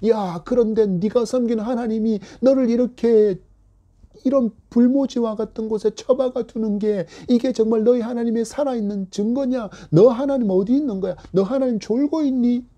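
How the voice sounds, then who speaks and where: A pastor voicing a scornful mocker who taunts a believer in a jeering tone. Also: male voice, very high voice, warm tone, dull audio, voice pushed up. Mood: mocking. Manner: jeering, rapid-fire taunts.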